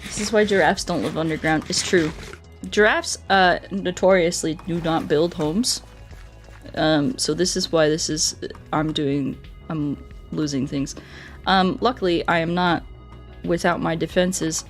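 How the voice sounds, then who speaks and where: Her voice sits low and stays steady, moving a little slowly as she chats casually through a game livestream. The woman is playful and self-deprecating, expressively reading comments to viewers while game music plays behind her.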